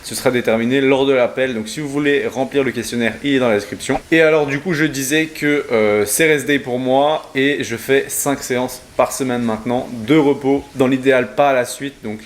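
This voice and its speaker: A man's voice: mid-range voice, steady tone, a little fast, hardly any pauses. A young man, a fitness coach talking casually to camera in a vlog, explaining as he goes with hesitations and self-corrections. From Belgium. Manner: chatty, explanatory, frequent "euh" fillers and self-corrections.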